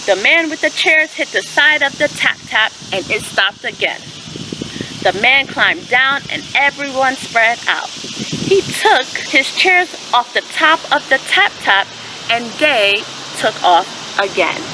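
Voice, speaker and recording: With background noise behind her, a high-voiced, expressive woman reads a children's story aloud as the host of a read-aloud channel for kids. Like a teacher, she asks her listeners questions and stops to affirm their answers.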